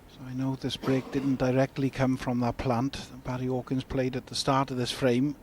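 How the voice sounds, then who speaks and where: A man giving measured, understated live snooker commentary. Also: medium pitch, monotone. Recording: crowd and noise behind, broadcast arena. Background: snooker arena crowd, clicking balls.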